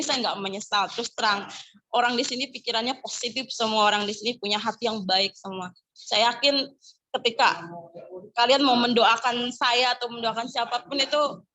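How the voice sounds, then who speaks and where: A woman's voice: fairly high pitch, pushed and bright. A young adult woman giving a candid, chatty personal testimony at a church gathering. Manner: candid, chatty, mixes in regional words.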